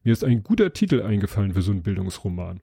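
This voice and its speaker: A man's voice: on the low side, big pitch swings, racing, vocal fry, warm tone, husky, dry recording, studio quality, full character voice. A man voicing a drunken, cynical kangaroo at a bar, slurring and mocking in a read-aloud story. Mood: sardonic.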